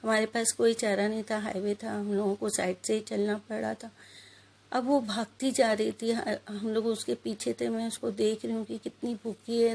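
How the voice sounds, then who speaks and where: A woman's voice: on the high side, gravelly, a little mellow. A woman in her thirties giving a religious talk, telling a personal story earnestly and putting questions to her listeners. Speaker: religious speaker.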